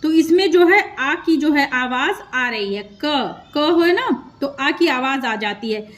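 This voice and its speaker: A woman with a high, light voice teaches a children's script lesson. She speaks slowly and patiently into a close mic. She stretches each syllable and repeats sounds so young learners can follow. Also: expressive. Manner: slow, patient, drawn-out syllables.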